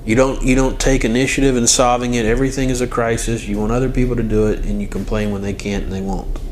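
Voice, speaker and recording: Speaking fast and flatly in a mid-range voice, a religious teacher hosts a casual devotional lesson to the camera or mic. He talks straight to the listener, repeating phrases for emphasis, over a faint hiss or hum.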